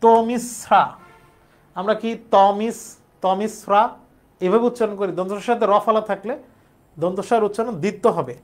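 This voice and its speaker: Young guy teaching grammar for exam prep, high voice, goes step by step and says the words over. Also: steady tone, moderate pace, pauses often, darkish tone. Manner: explains step by step, repeating words aloud.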